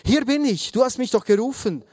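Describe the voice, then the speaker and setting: A man's voice: very high voice, expressive, brisk, a little mellow, no room sound, clean studio sound, voice pushed up. A man putting on an eager young boy.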